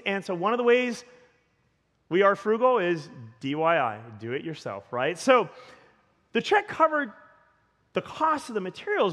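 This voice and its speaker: High-voiced pastor in a reverberant hall. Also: male voice. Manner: animated, stumbling restarts and repeated words. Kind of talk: storytelling sermon.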